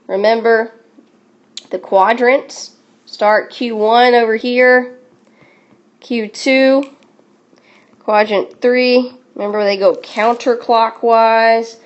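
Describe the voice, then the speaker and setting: A woman's voice: on the high side, fairly even intonation, slow, pauses often, muffled recording. Woman math teacher, upbeat, encouraging, playful catchphrases, step-by-step review lesson. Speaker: sixth grade math teacher. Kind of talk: recorded classroom review lesson.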